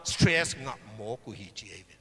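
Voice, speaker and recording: A man preaching a sermon at a church service, slow and emphatic, with big swings in pitch and loudness. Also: big-room sound, a crowd in the background.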